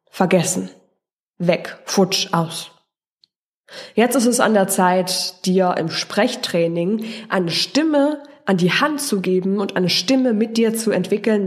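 A woman's voice: medium pitch, a little mellow. German woman coaching on voice. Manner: coaching, direct and encouraging, asks the listener questions. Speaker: voice and speaking coach, podcast host. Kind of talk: podcast monologue addressing the listener.

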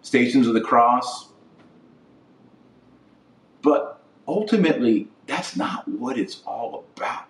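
Hosting a podcast, a middle-aged man gives emphatic opinions through short declarative phrases and repetition. His medium-pitched voice is expressive, slow-paced and broken by long pauses. The webcam setup leaves the microphone distant, with a roomy echo.

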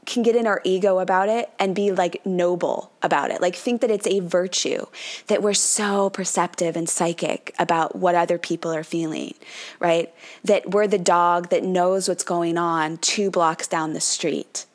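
A woman's voice: fairly low pitch, steady tone, normal speed. A woman hosting a numerology podcast in casual talk, laughing often and filling her speech with "like" and "right?", slipping into brief mock voices. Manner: chatty, laughs often, says "like" and "right?" a lot; dips into mock voices playing the number. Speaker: podcast host, numerology coach.

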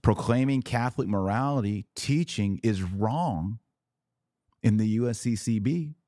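Fairly low and unhurried, his warm voice comes through a dry, clean studio recording. Hosting a religious commentary podcast, he speaks emphatically to camera, leaning on rhetorical questions and repetition for emphasis.

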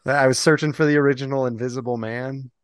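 A man's voice: mid-range voice, steady tone, fast, smooth, no echo. A man co-hosting a podcast in casual chat, rambling from topic to topic and laughing often. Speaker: podcast co-host.

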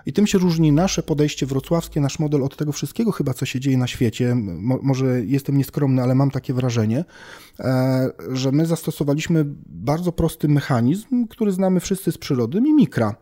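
A man with a dark, mellow voice talks through his research in a relaxed podcast chat. He explains with simple everyday examples and pauses to think with fillers. His pitch sits in an ordinary middle range. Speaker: language researcher guest. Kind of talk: casual expert conversation.

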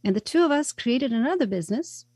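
A woman's voice: sits high, animated, fast, mellow, slightly rough, no room sound. A woman from Croatia, a radio interview guest, telling her story in an earnest, reflective way with many fillers and restarts.

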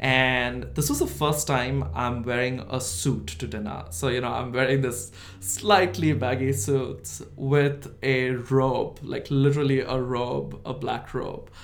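Man, gravelly voice, self-deprecating interview guest. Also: mid-range voice, steady tone, unhurried, hardly any pauses. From India. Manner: self-deprecating, laughs at himself. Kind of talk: interview storytelling.

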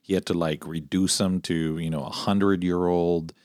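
A man's voice: low voice, fairly even intonation, moderate pace, darkish tone, dry recording, studio quality. A man hosting a casual podcast discussion, earnest and hesitant, often restarting his sentences. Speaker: podcast host.

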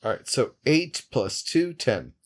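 A man's voice: mid-range voice, sing-song, takes it slowly. Joking guy at a tabletop game, voice jumps all over. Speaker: player. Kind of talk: casual game chat.

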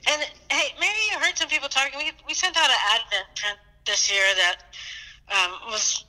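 A woman's voice: high voice, normal speed, bright, forceful tone. A woman hosting a church podcast in casual chat, with a reverberant echo on the recording.

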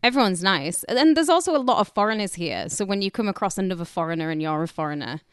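A woman's voice: mid-range voice, lively intonation, fast, clean tone, no room sound, studio quality. A woman with a Cumbrian accent co-hosting a casual podcast, bantering in regional slang with blunt, crude humour. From Carlisle, Cumbria, England. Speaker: podcast co-host.

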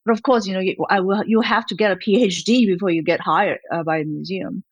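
Here the gallerist, a Malaysian woman in her fifties, talks quickly in a steady, mid-range voice with no room sound. It's a conversational interview in which she rambles as a guest, peppering her words with fillers and little laughs.

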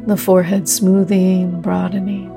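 A woman leading a guided meditation like a sleep story narrator, speaking gently and slowly with long pauses. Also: lowish voice, level tone, creaky. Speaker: meditation teacher leading a group practice. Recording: new-age music under the voice. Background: soft new-age music.

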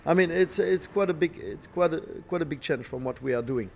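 Halting middle-aged man, non-native English speaker. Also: on the high side. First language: not English. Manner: halting, searching for words, repeats phrases. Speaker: racing team boss, former driver. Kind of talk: interview answers. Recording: clear background noise, ambient sound.

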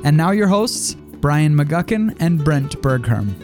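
A man's voice: a little high, expressive, takes it slowly. A man giving a formal, airline-style boarding announcement that sounds like it comes over the intercom. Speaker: show intro announcer. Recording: announcement over plucked guitar music.

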